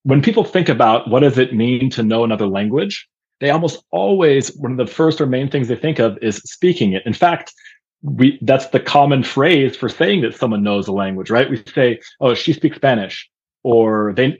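A man's voice: medium pitch, animated, normal speed, a little mellow, breathy edge, highs cut off. A man from Austria, a language teacher, speaking as a guest on a video call, thoughtful and sprinkled with uh fillers. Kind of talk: casual interview chat.

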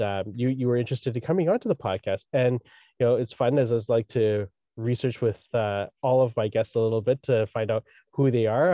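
Man, podcast host, mellow dark voice, dry close sound, rambling questions, lots of "you know". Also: medium pitch, no echo. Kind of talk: casual interview conversation.

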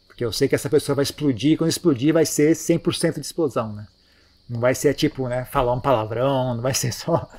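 A man giving a relaxed, conversational Buddhist dharma talk, often ending phrases with tag questions. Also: mid-range voice. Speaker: Buddhist teacher. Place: monastery.

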